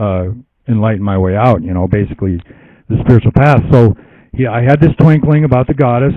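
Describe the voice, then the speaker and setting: A man, the guest of an interview, telling a long personal story in a meandering way, laughing often and leaning on fillers. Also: medium pitch. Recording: dry, dull lo-fi internet radio audio.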